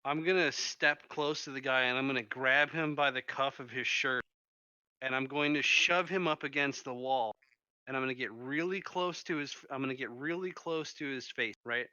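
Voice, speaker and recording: A man playing a tabletop role-playing game, describing his character's actions with intensity and speaking in character in a low, menacing voice. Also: moderate pace, sharp tone, clear, resonant tone, no room sound. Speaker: player. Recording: muffled lo-fi mic.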